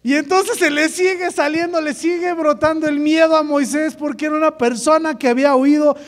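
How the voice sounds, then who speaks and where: A man jokes his way through a youth sermon in casual slang. His voice is very high, and a long hall reverb trails behind it. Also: a little fast. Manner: lively, joking, slangy. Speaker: youth group speaker.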